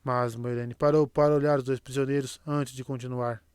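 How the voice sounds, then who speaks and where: A man narrating a fantasy audiobook in a steady, even storytelling manner. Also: medium pitch, normal speed, smooth, no echo, studio quality. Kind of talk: scripted narration.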